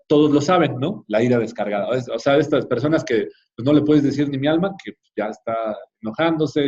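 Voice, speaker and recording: A man with a Mexican accent teaching a church class in a relaxed, conversational way, often checking in with his listeners. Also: mid-range voice, highs cut off. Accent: Mexican Spanish. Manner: conversational, frequent tag questions, addresses the class directly.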